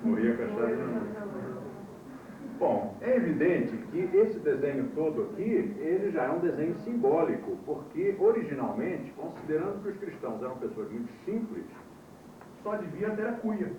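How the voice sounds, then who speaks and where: A man's voice: fairly high pitch, big pitch swings, moderate pace, recorded from a distance, background noise. A man teaching a classroom course, telling stories in a wry way and quizzing his students, heard from an old VHS tape recording. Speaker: course instructor. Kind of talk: classroom lecture. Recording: muffled, echoey old VHS tape from afar.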